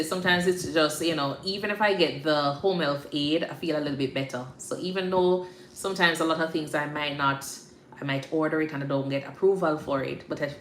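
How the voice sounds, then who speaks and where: A woman with a deep, fairly bright voice and a Jamaican accent, a nurse practitioner hosting a livestream, chats casually and informally with her followers, often checking that they understand. The room is echoey with faint background noise.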